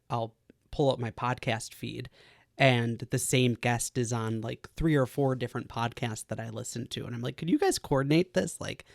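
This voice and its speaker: On a casual podcast, a mid-pitched male host gushes with admiration toward his guest, his voice carrying some vocal fry. The recording is dry, with no room sound at all.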